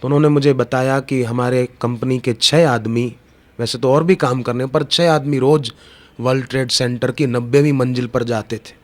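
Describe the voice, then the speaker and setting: A middle-aged man giving a devotional sermon, telling stories and drawing out sung verses slowly. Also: medium pitch, fairly even intonation, darkish tone. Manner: slow, drawn-out sung verses between storytelling. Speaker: spiritual preacher. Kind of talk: devotional satsang discourse.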